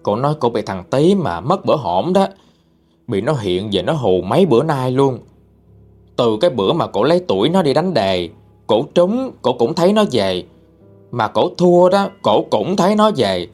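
A man's voice: mid-range voice, sing-song, normal speed, a little mellow, faint music behind. A man narrating a ghost story, chatty and dramatic, talking straight to his listeners.

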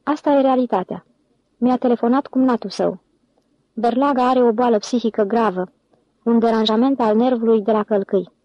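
A man's voice: very high-pitched, dry recording. Woman narrator doing a know-it-all clerk guy, dry dull sound. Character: knowing male office clerk.

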